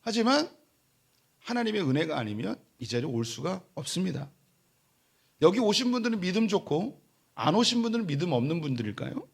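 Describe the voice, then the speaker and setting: A middle-aged male pastor delivers a sermon in a church sanctuary, his voice pitched somewhat high for a man. He slips into the voices of boasting church members, then climbs into emphatic, raised-voice preaching. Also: sing-song, fairly quick, vocal fry, slightly rough.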